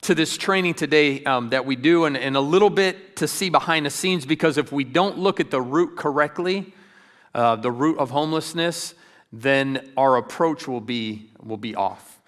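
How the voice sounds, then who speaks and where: A man's voice: fairly high pitch, moderate pace. Earnest middle-aged man giving a church talk. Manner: earnest, warm storytelling with frequent ums and restarts. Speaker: ministry speaker.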